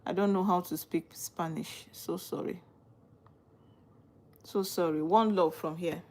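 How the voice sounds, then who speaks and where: This livestream host, a young adult Nigerian woman with a Nigerian accent, talks through viewer comments on legal matters, greets viewers by name and asks earnest rhetorical questions. Her voice is mellow and steady, on the low side and a little slow.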